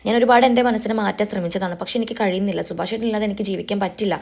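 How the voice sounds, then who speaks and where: A woman's voice: mid-range voice, rapid-fire, vocal fry, darkish tone. A woman voicing a stubborn young woman defying her mother, in a retold TV serial. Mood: defiant. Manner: defiant, insistent. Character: defiant young woman, stubborn, refusing arranged marriage.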